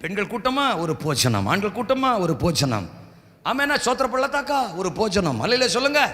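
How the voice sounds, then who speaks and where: A man preaching with a very high, bright and forceful voice. He repeats each phrase, shouts rhetorical questions and presses the listeners to answer amen. His sermon rings out with the long reverb of a church hall. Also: sing-song, fairly quick.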